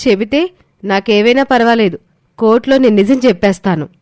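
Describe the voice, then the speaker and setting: Casual one: woman playing a righteous wife scolding her husband, firm, fairly high voice. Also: brisk, darkish tone, no echo, clean studio sound, natural voice. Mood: reproachful. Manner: reproachful, firm. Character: righteous middle-aged wife standing up to husband. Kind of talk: storybook voice acting.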